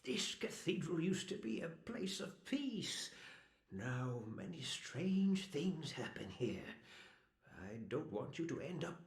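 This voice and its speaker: Creaky, very old secretive monk. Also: male voice, on the high side, very animated, slow, full character voice. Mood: secretive, urgent. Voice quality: aged, creaky. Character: very old, weary, secretive male monk, urgent and protective. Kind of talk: video game voice acting. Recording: roomy, echoing game dialogue.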